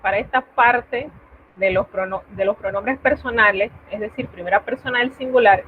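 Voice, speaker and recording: A woman's voice: mid-range voice, moderate pace. Teacher woman on a tinny call. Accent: Latin American Spanish. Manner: patient, explanatory, checks in with students. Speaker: French teacher. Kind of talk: online class explanation. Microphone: video call. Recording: tinny phone-like line, faint noise.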